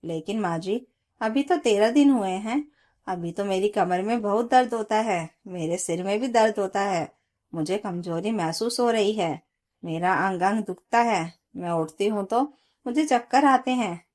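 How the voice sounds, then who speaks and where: A woman's voice: medium pitch, unhurried, darkish tone, close to an everyday voice. A woman storyteller voicing a young, worn-out new mother who pleads with her in-laws. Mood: pleading. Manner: pleading, weary.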